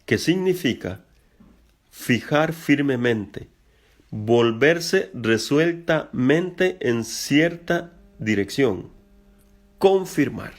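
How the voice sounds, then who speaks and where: A man's voice: medium pitch, lively intonation. Earnest male pastor preaching. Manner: earnest preaching, spells out Greek words slowly. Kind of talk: sermon.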